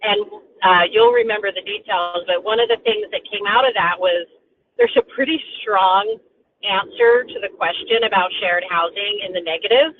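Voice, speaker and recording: A woman's voice: medium pitch, lively intonation, moderate pace. A woman calling in over a speakerphone while driving a car, talking casually and thinking aloud with fillers. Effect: phone speakerphone from a moving car. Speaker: call participant. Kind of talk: casual talk on a conference call. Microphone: phone speakerphone. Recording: tinny phone line, faint road noise.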